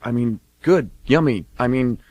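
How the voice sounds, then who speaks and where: A man with a mid-range, slightly slow and mellow voice plays a shy young man in a bird costume selling candy, in an amateur radio comedy with light acting and a little hiss or hum. The character is flustered, stammering and eager to please, sounding awkward yet pleased.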